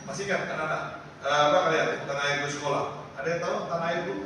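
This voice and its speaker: A man's voice: fairly high pitch, steady tone, rapid-fire, bright, forceful tone. A man teaching a singing lesson, asking his class many questions in a chatty way. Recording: echoey hall, mic far off, noisy.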